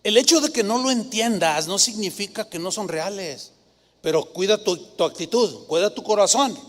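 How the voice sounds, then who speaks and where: Mexican pastor guy preaching, high voice, acts out the quotes, lots of hall echo. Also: normal speed. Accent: Mexican Spanish. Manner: animated storytelling, acting out quoted voices. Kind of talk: sermon.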